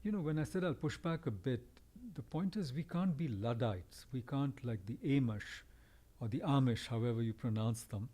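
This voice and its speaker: Mellow-voiced man musing at length. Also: mid-range voice, a little fast, hardly any pauses. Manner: discursive, thoughtful, pushes back gently. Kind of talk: reflective conversation.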